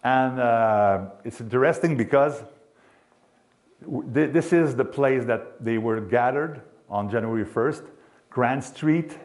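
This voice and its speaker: This man is a local sports announcer with a Quebec French accent, giving an informal history talk in English. His medium-pitched voice is a little mellow, and he often pauses, restarts, and uses fillers while hunting for the right English words.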